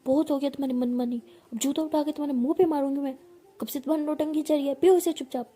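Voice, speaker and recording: Bossy young woman voiced by a woman storyteller, yelling and scolding, fast, high-pitched, dark mellow tone. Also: fairly even intonation, close to an everyday voice. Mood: angry scolding.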